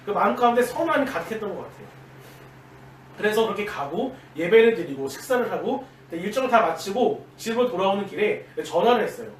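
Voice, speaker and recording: A man's voice: sits high, very animated, fast talker. A man, a junior pastor, preaching a dawn-service sermon in earnest personal storytelling. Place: church sanctuary. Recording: echoey church, distant mic, faint hiss.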